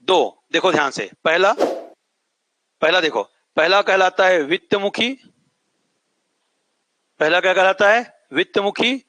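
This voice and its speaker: A man's voice: high voice, lively intonation, measured pace, pauses often, sharp tone, slight background noise, poor audio. A man teaching a classroom lesson. He repeats each point, asks the class to say it back, and draws out vowels to show how long they last. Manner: stretches out vowels to show their length. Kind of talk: classroom lecture.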